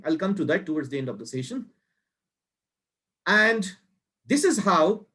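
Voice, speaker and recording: A man from India delivers a formal academic lecture at an unhurried pace. His voice sits high for a man, and he pauses between short phrases as he builds each point. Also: fairly bright tone.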